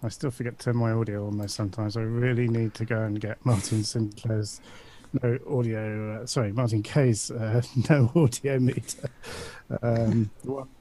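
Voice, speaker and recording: A man's voice: medium pitch, little pitch movement, normal speed, warm tone, a little hiss or hum. A man hosting a casual panel chat, talking in a chatty, questioning way. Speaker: show host.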